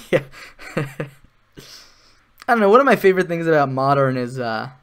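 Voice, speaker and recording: A man's voice: a little high, sing-song, moderate pace, a bit bright, smooth. Chatty man streaming a card game. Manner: thinks aloud, chatty, with sarcastic asides and laughs. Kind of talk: casual live-stream commentary.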